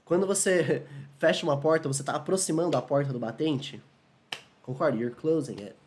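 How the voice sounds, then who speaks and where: A man with a Brazilian Portuguese accent giving a casual video English lesson, upbeat, often asking viewers if they agree and slowing down for English examples. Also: a little high, a little mellow, slight background noise. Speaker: English teacher.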